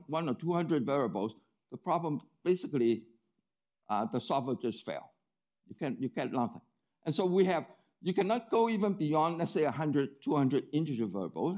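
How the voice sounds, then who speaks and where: A man's voice: medium pitch, darkish tone. A man lecturing to an audience, explaining step by step, often checking in with "okay?" and "right?" and restarting phrases as he thinks. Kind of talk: academic lecture.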